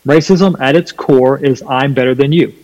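A man with a Southern US accent and a slight twang, explaining his faith emphatically and deliberately in a preaching style during a conversation. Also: medium pitch, darkish tone, highs cut off. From North Carolina, USA. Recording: long hall reverb.

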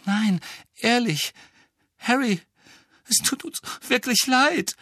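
A man's voice: a little high, expressive, normal speed, gravelly, a bit bright, breathy edge, no echo, clean studio sound, pitched above the performer's own voice, heavily acted. A man voicing an anxious teenage girl witch in a storybook reading, hasty and apologetic.

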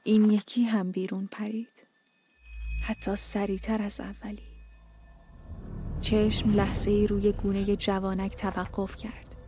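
A woman narrating an audiobook, reading a novel in an even, measured, subdued way over soft music. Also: medium pitch, noisy background.

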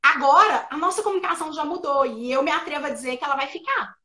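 A woman from Minas Gerais with a mineiro accent, a speech therapist giving practical advice as a guest in a remote live interview, explaining with animated examples. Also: high-pitched, fast, poor audio. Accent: Minas Gerais Brazilian Portuguese. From Minas Gerais, Brazil. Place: remote live video session.

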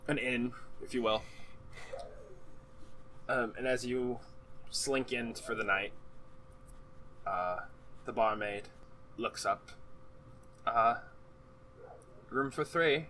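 A man narrating a tabletop game as game master, improvising in a halting but animated way. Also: medium pitch, low-quality recording. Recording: some room noise behind the voice.

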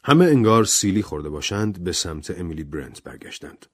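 A man narrating an audiobook novel in an expressive, dramatic reading style. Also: low voice, no room sound, studio quality.

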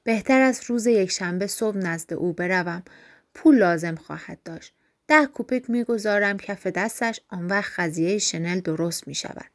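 A woman reading a story aloud in steady, measured narration. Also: medium pitch. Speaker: audiobook reader. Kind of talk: scripted narration.

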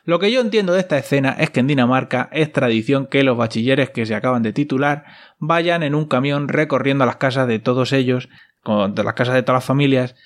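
A man's voice: medium pitch, a little fast. A young man, recapping a series casually with wry, ironic asides. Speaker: host.

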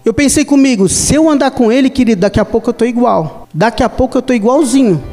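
Brief: emphatic, repetitive preacher with a Brazilian accent, very high voice, in a reverberant church with soft music behind. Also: male voice, animated, fast. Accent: Brazilian Portuguese. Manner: emphatic, repetitive, addresses listeners as "querido". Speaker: evangelist preacher. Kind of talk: sermon.

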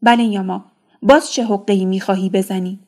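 A woman's voice: mid-range voice, fairly even intonation, a little mellow, close to an everyday voice. A woman reading a novel aloud, voicing a tired young healer who answers curtly. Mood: weary. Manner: tired, curt.

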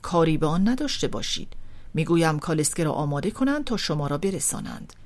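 A woman's voice: low-pitched, big pitch swings, darkish tone. A woman reading an audiobook voices a haughty, volatile older aristocratic man who swings theatrically between scolding and tenderness. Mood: commanding.

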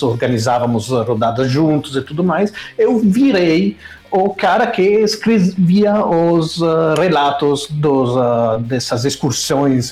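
A man's voice: on the high side, darkish tone, reverberant. A man from Italy with an Italian accent, telling stories casually in an interview and often restarting his sentences. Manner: rambling, self-correcting storyteller. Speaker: streamer guest.

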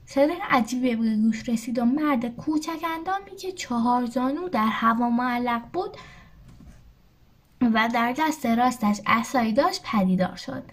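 A woman's voice: a little high, expressive. A woman reading a storybook aloud, steadily narrating and lifting her voice for quoted lines. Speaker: audiobook narrator.

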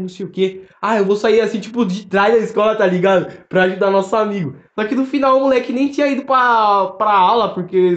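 Fast-talking young Brazilian man. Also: high-pitched. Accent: Brazilian Portuguese. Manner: fast, slangy storytelling, lots of fillers. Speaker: podcast co-host. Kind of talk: casual chat. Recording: roomy, dull lo-fi sound.

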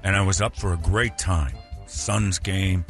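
A man's voice: deep voice, steady tone, measured pace. A man playing a pompous, giggly, self-important boss in comedic radio banter. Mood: smug. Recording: music and crowd noise behind.

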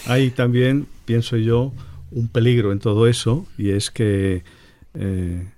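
A man's voice: medium pitch, steady tone, slow pace, dark tone. A middle-aged man, a painter and guest on a radio panel, talking hesitantly with many restarts.

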